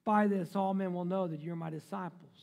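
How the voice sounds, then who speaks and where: High-voiced gravelly preacher. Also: male voice, steady tone, a little fast. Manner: swings between loud emphatic preaching and quiet, low asides; reads scripture aloud and breaks off into joking remarks. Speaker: pastor. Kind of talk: sermon. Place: church sanctuary.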